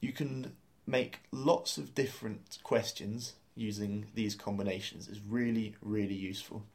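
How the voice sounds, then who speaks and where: A man's voice: on the low side, steady tone, unhurried, gravelly, darkish tone. A man hosting a language lesson, explaining step by step in an upbeat way and laughing easily. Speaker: language course host.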